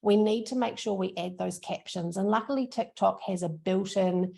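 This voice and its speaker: Very creaky broad Kiwi-accented woman. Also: medium pitch, moderate pace, warm tone. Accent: broad New Zealand (Kiwi). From New Zealand. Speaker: social media trainer. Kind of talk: informal online training presentation.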